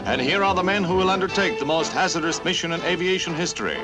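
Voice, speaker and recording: A 1950s newsreel announcer, a man with a slightly high voice, delivering each line in a brisk, punchy style. Loud music plays under his narration throughout. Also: expressive. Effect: old newsreel recording.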